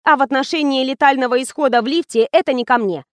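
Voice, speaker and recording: A woman's voice: high-pitched, fast, no room sound, studio quality, pitched above the performer's own voice, natural voice. A woman putting on a cheeky young nurse. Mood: snapping. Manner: whiny, snappish, rude. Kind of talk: audiobook character voice.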